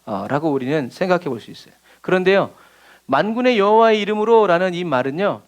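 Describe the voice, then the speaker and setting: A man's voice: high voice, animated, brisk. A male pastor preaching a midweek sermon, asking the congregation rhetorical questions and acting out the lines he quotes. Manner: asks rhetorical questions and answers them, acts out quoted lines.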